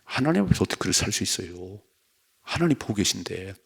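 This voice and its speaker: Gravelly-voiced man preaching a sermon. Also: sits low, sing-song, quick pace. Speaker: pastor. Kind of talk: dawn prayer sermon.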